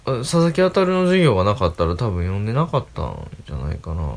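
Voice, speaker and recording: A man's voice: on the low side, huge pitch swings, quick pace, gravelly, a little hiss or hum. A man with an Osaka accent chatting casually as a co-host, wry and joking, often chuckling as he talks. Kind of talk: casual chat.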